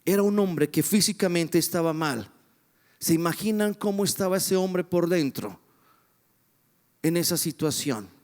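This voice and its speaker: A man preaching with passion, his voice pitched notably high for a man. He drives the story forward and keeps asking the congregation rhetorical questions. The sound trails off in the long reverb of a church hall. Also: animated, a little slow, pauses often, a little mellow. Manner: impassioned, dramatic retelling with rhetorical questions to the congregation. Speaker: pastor. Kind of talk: sermon.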